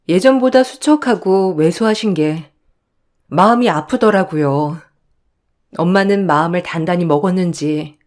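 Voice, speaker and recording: A woman's voice: on the low side, darkish tone. A woman narrating a first-person radio story in a rueful, confiding manner.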